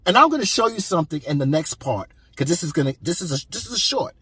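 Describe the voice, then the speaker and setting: A man's voice: a little high, very animated, fast, sharp tone, slightly rough, no room sound. A man giving heated, preachy commentary on a clip, emphatic and repeating himself.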